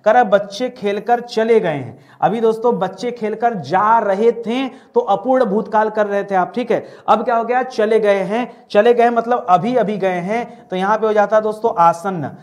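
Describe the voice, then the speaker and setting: High-voiced man teaching grammar. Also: moderate pace, hardly any pauses, a little mellow. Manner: asks a question and answers it himself, calls listeners friends; repeats key terms for drill. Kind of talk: online grammar lecture.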